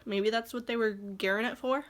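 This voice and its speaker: A young stay-at-home mother, nose blocked by allergies, chats to her camera indoors at a moderate pace, her fairly high voice keeping a fairly even intonation. She wanders from point to point with real feeling and becomes increasingly indignant.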